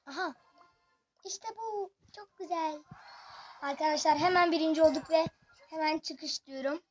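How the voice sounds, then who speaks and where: High-voiced gaming host, excitable live play-by-play, chats to viewers, dull lo-fi home recording. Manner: excitable, chatty, addresses viewers constantly. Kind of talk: excited live gameplay commentary.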